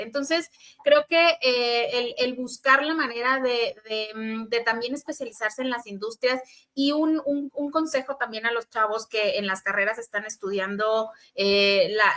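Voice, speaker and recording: A woman's voice: a little high, bright, forceful tone. A woman who works in public relations, giving earnest advice on a podcast with a few restarts. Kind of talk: podcast conversation.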